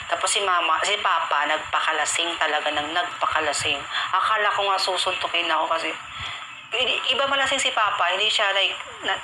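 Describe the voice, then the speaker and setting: A man's voice: high voice, fairly quick, noisy background. A man hosting a live stream, telling a personal story in an emotional, repetitive way with English filler words mixed in.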